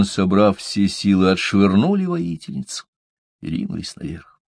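A man's voice: lowish voice, creaky, a little mellow, dry recording, studio quality. A man reading a fantasy audiobook aloud in a dramatic, vivid way. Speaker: audiobook narrator. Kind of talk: scripted fantasy narration.

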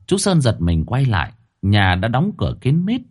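Expressive man narrating a horror story. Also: moderate pace, slight background noise. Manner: highly expressive, rising to cries.

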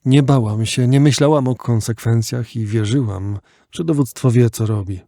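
Guy narrating an audiobook, quiet measured reading, mellow voice, dry close sound. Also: medium pitch, no room sound. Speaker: audiobook reader.

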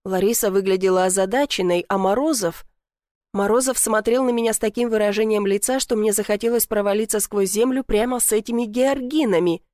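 A woman narrating a first-person audiobook in an expressive, wry way. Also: medium pitch, fairly quick, dry recording, clean studio sound. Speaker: audiobook reader.

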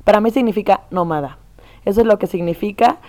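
A woman's voice: medium pitch, quick pace, warm tone. A young woman with a Mexican accent, a performance artist speaking thoughtfully and at length in an interview. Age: young adult. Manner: thoughtful, earnest, explains at length. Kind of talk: conversational interview.

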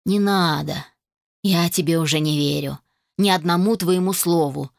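A woman's voice: lowish voice, normal speed, vocal fry, no room sound, clean studio sound. A woman reading a novel aloud, voicing a young man who bitterly accuses an old friend in a reproachful, intense way.

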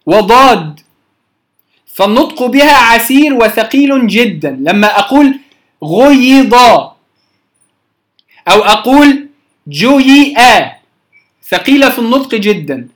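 A teacher works through a recorded lesson on word forms, checking in with the listeners again and again. The voice sits at a middle pitch and slows right down to spell out each word sound by sound. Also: a bit bright. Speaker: teacher of Quranic readings.

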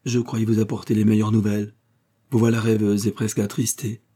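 Brief: male reader as ardent lovesick page, deep husky voice, audiobook. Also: little pitch movement, brisk, warm tone, close to an everyday voice. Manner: earnest, fervent courtly speech. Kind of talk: audiobook character voice.

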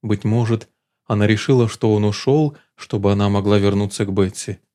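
A man reading a novel aloud as an audiobook narrator, telling the story in a steady, measured way. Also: fairly low pitch.

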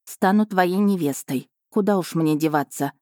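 A woman voicing a stubborn, sharp-tongued young heroine with sarcastic, sulky retorts. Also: on the low side, moderate pace, dry recording, clean studio sound, close to an everyday voice.

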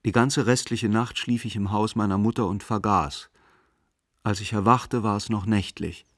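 A man narrating a radio drama in a slow, measured, melancholic manner. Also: lowish voice, steady tone, no echo. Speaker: narrator and main character.

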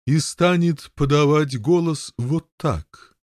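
An eager, bossy knight presses his plans, a touch higher than a plain speaking voice, as a man reading a storybook puts him on. The sound is close and dry. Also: slow pace, a little mellow, dry recording. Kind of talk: audiobook character voice.

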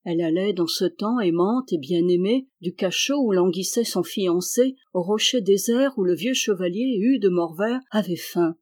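A reader narrating a nineteenth-century adventure novel in an even, measured delivery. The voice sits in a middle register with calm pacing. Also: mid-range voice. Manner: steady measured reading. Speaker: audiobook reader.

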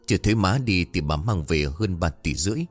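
Deep-voiced male storyteller. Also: lively intonation, brisk, faint music behind. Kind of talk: scripted story narration.

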